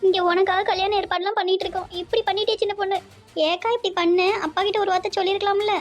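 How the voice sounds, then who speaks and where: A woman voicing a tearful, outraged village mother in a cartoon, with a Tirunelveli Tamil accent and a shrill, wailing way of scolding. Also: little pitch movement, very fast, faint music behind. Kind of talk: cartoon voice acting.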